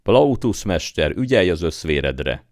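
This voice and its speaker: A proud young master gives cool, clipped commands, as a man reading the story puts him on. The voice is very deep, and the sound is dry and close. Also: animated, no echo. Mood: haughty, calm. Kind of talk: audiobook character voice.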